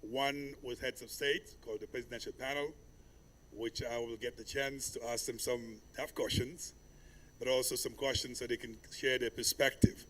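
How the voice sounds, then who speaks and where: A man from Senegal moderating a climate summit panel, speaking in a measured, ceremonial way in a conference hall. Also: mid-range voice, steady tone, fairly bright tone, slight background noise.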